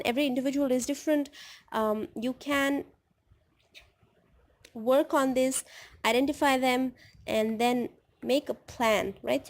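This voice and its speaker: A middle-aged woman tutoring test takers in a video lesson, explaining step by step and often checking in with "right?". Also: a little high. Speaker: TOEFL tutor. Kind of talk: video lesson, advice to students.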